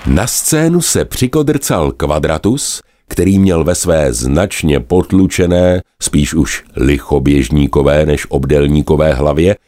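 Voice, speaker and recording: A man narrating a fairy tale in a lively, expressive way. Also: a bass voice, no room sound, studio quality. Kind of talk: storybook narration.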